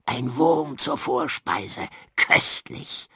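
A man's voice: medium pitch, huge pitch swings, very slow, gravelly, bright, forceful tone, slightly rough, no echo, studio quality, pitched above the performer's own voice, full character voice. A man voicing a scrappy, greedy ship rat in a storybook reading, hissing and sneering.

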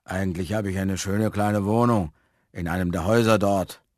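Guy doing a sad stout homeless man, low, slow, tired, dry sound. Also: fairly even intonation, a little mellow, no echo, close to an everyday voice. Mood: resigned.

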